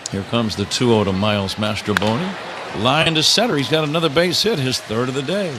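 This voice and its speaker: This American radio announcer does live play-by-play of a baseball game from a ballpark booth, speaking in a mid-range, animated voice that runs a little fast. Outdoor stadium noise comes through clearly on the noisy live feed.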